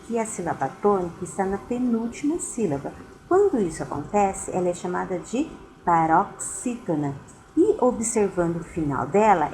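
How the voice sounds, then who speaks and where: A woman's voice: on the low side, darkish tone, slight background noise, poor audio. A woman teacher giving a recorded lesson, explaining patiently and speaking directly to her students.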